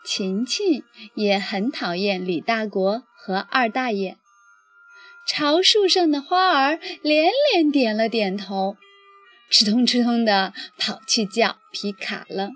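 Woman storyteller, slow and lively, faint music bed. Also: fairly high pitch. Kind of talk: children's story reading. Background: faint background music.

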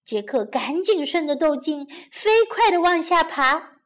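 A woman narrating a bilingual children's story and then teaching short English phrases, slow, clear and expressive. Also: high voice.

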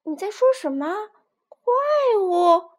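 A woman plays a jumpy young chick in a children's storybook who blurts out quick exclamations. The voice is very high and leaps wildly in pitch. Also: lively intonation, a little mellow. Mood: startled. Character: young chick, excitable and easily startled.

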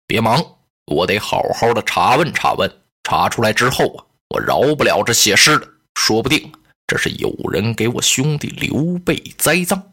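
A storyteller voicing a cautious, mild-tempered aging male ruler who speaks deliberately. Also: medium pitch, big pitch swings, a bit bright, breathy edge, pitched below the performer's own voice, exaggerated voice. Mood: wary. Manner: deliberate, measured. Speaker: provincial lord. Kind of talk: traditional storytelling.

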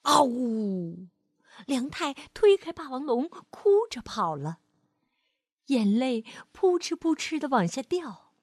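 A woman storyteller narrating a bedtime story for children, speaking gently and expressively and calling the listener "baby". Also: high-pitched, big pitch swings, a little slow, no echo, studio quality.

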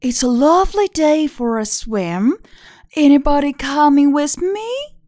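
A woman voicing a sly male wolf who coaxes slowly and in a low voice at the door of a storybook house. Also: lively intonation, a little mellow, no room sound, studio quality. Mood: sly coaxing.

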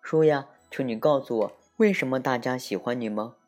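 A man's voice: medium pitch, normal speed, a little mellow, faint music behind, pitched above the performer's own voice, close to an everyday voice. A man voicing Phil, a curious little boy who earnestly asks everyone questions, in a children's story.

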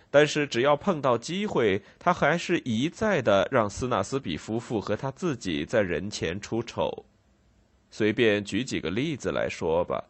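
A man narrating a classic novel as an audiobook, in an expressive, storytelling manner. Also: medium pitch.

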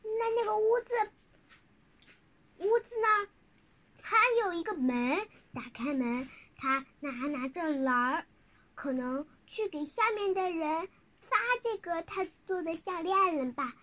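A child telling a picture-book story informally, halting, repeating words and asking the listener questions. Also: very high-pitched, expressive, sharp tone.

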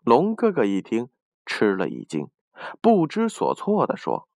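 A man narrating a children's folk tale in an expressive, lively reading. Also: medium pitch, unhurried, creaky, no echo, clean studio sound. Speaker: storyteller. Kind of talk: storybook narration.

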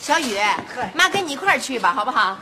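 A woman playing a mother in a sitcom, talking briskly and teasing. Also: high-pitched, big pitch swings, background noise. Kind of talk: sitcom acting.

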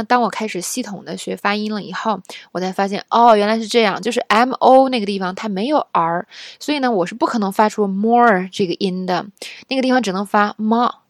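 A woman's voice: medium pitch, dry recording, clean studio sound. A woman from China teaching English pronunciation in a casual spoken lesson, explaining patiently and often checking in with the listener.

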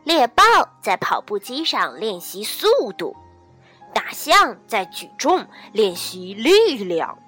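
A woman telling a bedtime story to children in a gentle, sing-song, soothing manner. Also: medium pitch, sing-song, slow, slightly rough. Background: soft background music.

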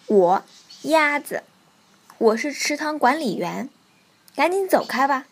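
A woman doing a bossy shouting duck. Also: a little high, slow pace, creaky, breathy edge, heavily acted. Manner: shouting stern orders. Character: bossy self-important duck, pond keeper.

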